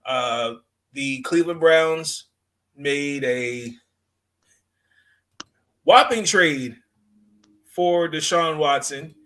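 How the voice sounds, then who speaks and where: A man hosting a sports podcast in casual, unscripted talk, halting and repeating phrases as he goes. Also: on the high side, a bit bright.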